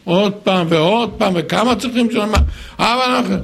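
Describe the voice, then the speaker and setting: An older man giving an animated sermon, acting out other people's words in raised voices. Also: high voice, gravelly, slight background noise.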